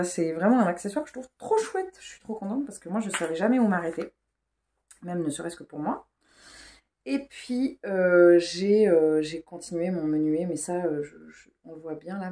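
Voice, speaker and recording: Female vlogger, slightly low pitch, informal rambling delivery with a searching, hesitant flow. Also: normal speed, warm tone. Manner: informal, hesitant, thinking aloud. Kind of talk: casual rambling vlog chat.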